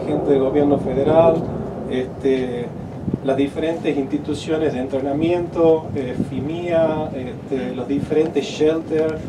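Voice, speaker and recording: Speaking with a voice on the high side, a middle-aged Argentine executive stumbles through an improvised thank-you speech full of filler words and restarts. It's a groundbreaking ceremony outdoors under a tent; he holds a mic at the podium, and the far-off camera captures noisy outdoor sound.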